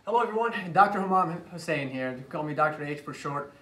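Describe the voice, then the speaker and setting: An Iraqi man in his late 20s, a chiropractor being introduced, tells a personal story in a casual interview with a rather high, bright, forceful, and expressive voice. Still, he speaks haltingly, repeating words and phrases. A phone camera a few feet away in a small office records him, leaving the audio echoey, distant, and faintly noisy.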